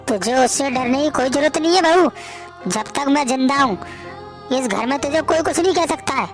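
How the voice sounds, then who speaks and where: A woman's voice: high voice, animated, moderate pace, faint music behind. A woman voicing an older father-in-law who lectures firmly and protects his daughter-in-law. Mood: stern. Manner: firm and lecturing.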